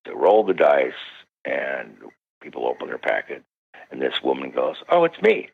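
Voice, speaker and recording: A man's voice: normal speed, creaky, breathy edge. An older man, a parapsychologist, telling a story on a radio interview and acting out the voices of the people in it. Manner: acts out quoted voices, swoops high when excited. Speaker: parapsychologist guest. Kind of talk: animated storytelling. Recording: dull lo-fi radio interview audio.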